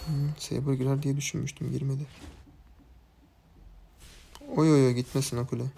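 A man's voice: mid-range voice, level tone, racing, gravelly, mellow, soft background music. A man giving casual commentary over his own gameplay, muttering to himself and his team and venting his frustration with the game. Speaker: gaming YouTuber.

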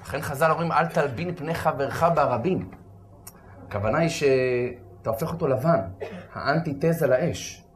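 A man preaching as a rabbi, telling a story with acted-out shouts and sudden loud bursts. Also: a little high, slight background noise. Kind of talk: animated storytelling sermon.

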